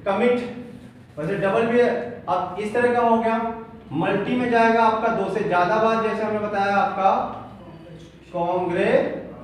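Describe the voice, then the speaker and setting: High-voiced teacher in an echoey room. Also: male voice, distant mic, slight background noise. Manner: explains slowly, repeats terms, spells out words. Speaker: English teacher. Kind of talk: Hindi lesson on English spelling.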